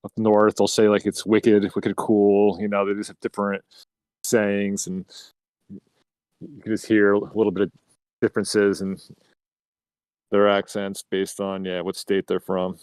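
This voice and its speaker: A man's voice: lowish voice, level tone, unhurried, pauses often, darkish tone, clear, resonant tone, no echo. Easygoing man with a New Jersey accent. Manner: easygoing, repeats words as he starts a thought. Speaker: guest. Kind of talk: casual chat.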